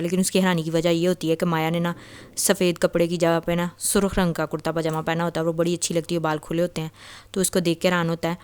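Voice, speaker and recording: Female storyteller, lowish pitch, smooth clear tone; relaxed, chatty retelling full of fillers and restarts. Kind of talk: casual retelling of a novel.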